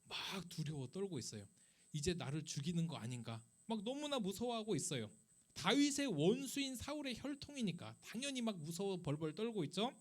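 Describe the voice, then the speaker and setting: Male youth pastor, high and animated, chatty sermon full of rhetorical questions. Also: a little fast. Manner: lively, conversational preaching with rhetorical questions; acts out quoted speech. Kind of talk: sermon to a middle school youth group. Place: church worship service.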